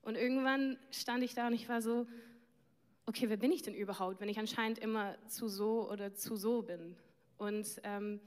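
Young woman, from Australia: casual testimony with handheld mic, echoing hall. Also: fairly high pitch. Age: young adult. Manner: casual, searching, with fillers. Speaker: guest sharing testimony. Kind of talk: personal testimony. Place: church stage hall. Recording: long hall reverb.

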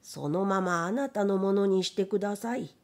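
A woman's voice: medium pitch, moderate pace, darkish tone, close to an everyday voice. A woman voicing a polite middle-aged man, the master of a house, in a read-aloud folk tale, speaking courteously.

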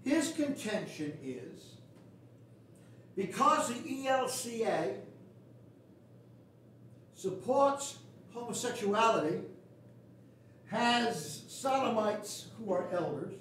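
A man's voice: high-pitched, expressive, slow, pauses often, fairly bright tone, a little hiss or hum. An older man preaching a sermon as pastor, blunt, folksy and sarcastic. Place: small wooden church sanctuary. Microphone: far camera at the back of the pews. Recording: echoey church from far off.

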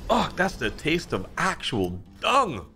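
A man in his thirties giving casual, excitable commentary while playing an online slot game, often swearing and jumping up in pitch at big moments. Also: takes it slowly, a little hiss or hum. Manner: excitable, swears a lot, frequent pitch jumps. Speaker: slot streamer. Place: dim home streaming room, indoors.

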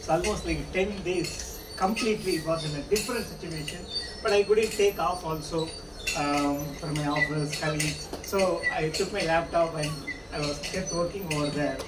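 Man speaking from far off, roomy and noisy. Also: a little high. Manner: halting, many fillers. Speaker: presiding officer of a speaking club meeting. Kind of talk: opening remarks at a club meeting. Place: open-air pavilion by a garden. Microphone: far camera. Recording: roomy, distant, with loud background noise.

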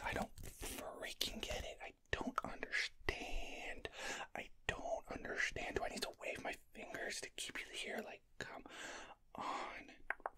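A young man in a whispered role-play, fast aggressive ASMR, as an angry, exasperated guy repetitively demanding attention. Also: very high-pitched. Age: young adult.

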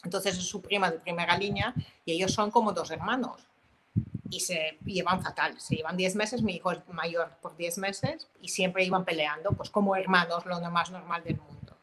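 A woman, a guest and author, telling an animated personal parenting story in an interview, with frequent self-corrections. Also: lowish voice, moderate pace, background noise.

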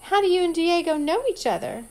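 A spoiled young rich woman chirps in a high, bouncy voice, as a woman reading the story puts her on. She sounds haughty and scheming, with a pitch that leaps around. It is a storybook reading. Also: expressive, a little fast, a little mellow.

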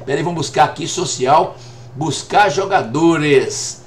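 A man's voice: on the high side, unhurried, slight background noise. A Brazilian man in his fifties chatting jokily to viewers on a live game stream, repeating "rapaz" over and over. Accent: Brazilian Portuguese. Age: 50s. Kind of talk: live gameplay stream chat.

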